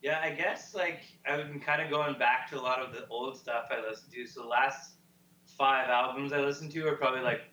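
A man's voice: mid-range voice, steady tone, fairly quick, bright, forceful tone. A man in a band telling easygoing stories over a video call, with frequent hesitations. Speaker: band member guest. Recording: roomy, dull video call audio.

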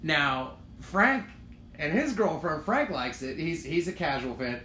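Animated young man telling a story in an echoey room. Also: fairly high pitch, a little slow. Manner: animated storyteller, swearing, acting out shouts. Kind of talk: casual chat. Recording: echoey room with some noise.

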